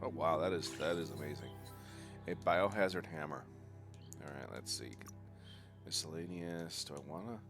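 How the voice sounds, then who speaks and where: Speaking at a normal speed with long pauses, a man with a very deep voice comments live on the video game he's streaming. A bad cold makes him sound nasal and stuffed up as he rambles and jokes over the game music.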